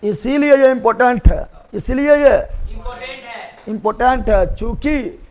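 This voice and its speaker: A man's voice: very high-pitched, unhurried, a little mellow. A male teacher giving a classroom history lecture, repeating names and dates and quizzing his students. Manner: drills facts by repetition, quizzes students.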